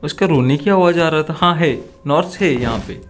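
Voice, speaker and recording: A man's voice: a little high, normal speed, soft background music. Crude joking young man gaming. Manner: crude, jokey, swears often; jumpy, frightened mutters. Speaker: gaming channel host. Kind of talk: horror game commentary.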